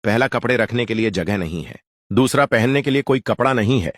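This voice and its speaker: A man narrating short jokes in a lively read-out delivery. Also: mid-range voice, fairly quick, slight background noise. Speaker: joke narrator.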